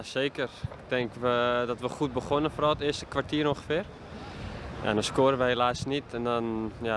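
A young man in his twenties, a football player answering post-match questions with many pauses and fillers, speaking into a handheld mic outdoors at a stadium. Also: medium pitch, a bit bright. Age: 20s. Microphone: handheld reporter mic held up to him. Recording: faint outdoor noise.

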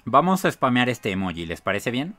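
Lively Mexican man streaming a game. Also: medium pitch, brisk, soft background music. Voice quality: bursts into shrieks and squeals of excitement, laughs often. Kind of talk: excited gameplay commentary, reading chat aloud.

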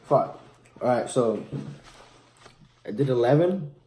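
A man's voice: medium pitch, takes it slowly, dark tone. A man in his twenties chatting casually to camera as a vlogger, hesitant and laid-back. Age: 20s. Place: small room at home, indoors.

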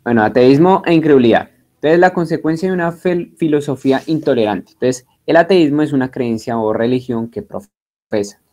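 A man's voice: mid-range voice, brisk, darkish tone. A man teaching a Bible class in a lecture style, spelling out terms, checking that students follow and joking along the way. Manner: chatty and joking, with many restarts.

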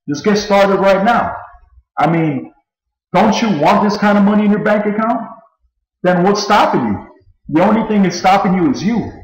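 A man in his twenties giving a screen-recorded sales pitch, pushy and boastful, repeating himself a lot. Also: reverberant, lo-fi sound. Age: 20s. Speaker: network marketing recruiter.

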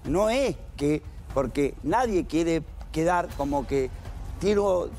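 A man's voice: a little high, expressive, slow, a little mellow, a little hiss or hum. A man with an Argentine accent arguing his view emphatically on a live TV news panel. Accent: Argentine Spanish. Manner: emphatic, argumentative. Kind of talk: live studio panel discussion. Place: TV news studio.

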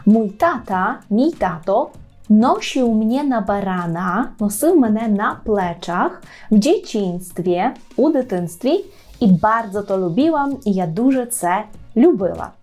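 A woman teaching a language lesson to learners, slowing down to repeat each word carefully. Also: mid-range voice, lively intonation, a little mellow. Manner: slows down to repeat words carefully. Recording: faint background music.

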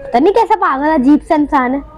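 A woman hosting a gaming channel, giving playful, jokey live commentary over a game with panicky, excitable outbursts. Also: high voice, fairly quick, soft background music.

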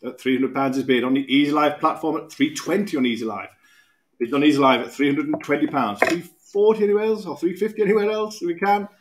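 A British man in his thirties calls bids from an auction room podium. His delivery is brisk and repetitive, with quick asides between prices. His voice sits slightly higher than most men's. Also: fairly even intonation, a little hiss or hum. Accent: British English. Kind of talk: live auction calling.

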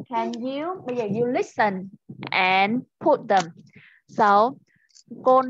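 Slow, patient woman teacher on a video call. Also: a little high, fairly bright tone, dry recording. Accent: Vietnamese. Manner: patient, encouraging, drills pronunciation slowly. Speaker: English teacher. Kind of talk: online English lesson for a child. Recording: dull, dry video call audio.

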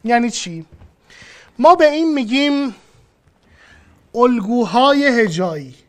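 This lesson comes from a teacher whose mid-range voice has lively intonation. They explain things patiently and in steps, repeating ideas and speaking right to the student.

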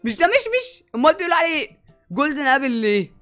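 Over soft background music, a young Egyptian Arabic-accented man reacts on YouTube in a very high, sing-song, fast voice with a fairly bright tone. He exclaims eagerly and keeps addressing his viewers throughout.

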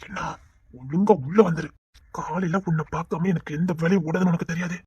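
A man playing a fast-talking flirtatious boss. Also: fairly high pitch, steady tone, warm tone, husky, dry recording, muffled recording. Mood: teasing. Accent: Tirunelveli Tamil. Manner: wheedling, teasing. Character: flirtatious male office boss, teasing and pleading. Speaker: office boss. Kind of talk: village web-series acting.

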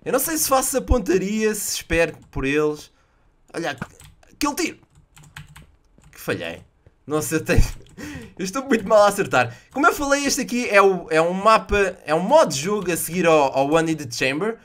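Excitable young Portuguese gamer, high bright voice. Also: male voice, moderate pace. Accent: European Portuguese. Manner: excitable, exclaims loudly at misses, jokey sound effects. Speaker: gaming youtuber. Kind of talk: live gameplay commentary.

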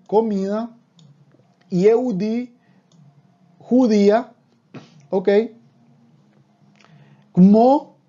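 Slow, patient man teaching a lesson. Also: high voice, dark tone. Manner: patient, repeats words slowly then explains. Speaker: language teacher. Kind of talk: slow spoken language lesson. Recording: dull lo-fi sound.

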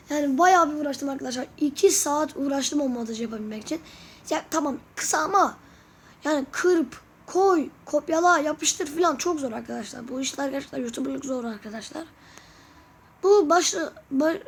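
A woman YouTuber chatting casually through a gameplay tour, constantly addressing her viewers and asking them to comment. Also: sits high. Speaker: gaming YouTuber.

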